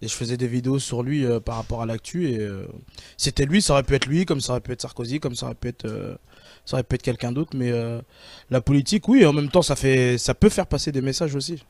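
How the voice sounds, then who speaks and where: A comedian talking casually about where his sketches come from, often pausing and searching for words. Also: medium pitch, a little mellow, dry recording. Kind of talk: casual interview.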